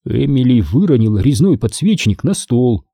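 Male audiobook narrator, animated delivery, dry close sound. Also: medium pitch, moderate pace, no room sound.

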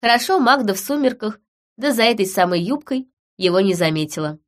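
A woman's voice: mid-range voice, lively intonation, brisk. Woman reading a story aloud. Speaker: narrator. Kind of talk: scripted narration.

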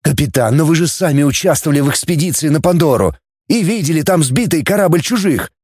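A man's voice: on the high side, lively intonation, a little fast, darkish tone, slightly rough, no echo, studio quality, voice pushed up. A man voicing a young junior space officer who argues his case with earnest, fervent conviction.

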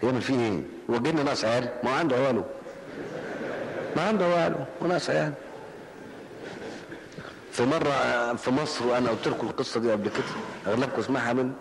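At medium pitch, an older man with an Egyptian Arabic accent preaches fast but with long pauses, answering questions in a colloquial, story-driven mosque lesson and repeating key phrases. The recording is low quality, with big-room sound and faint hiss or hum.

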